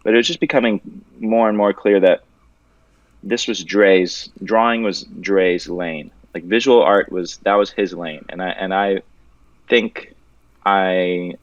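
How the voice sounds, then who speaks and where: A low-voiced young man from Venezuela chats loosely as a guest artist, joking and swearing now and then. The audio is dull and dry, with no room around it. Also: steady tone, a little slow, no echo. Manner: laid-back, loose and joking, with casual swearing. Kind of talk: casual interview chat.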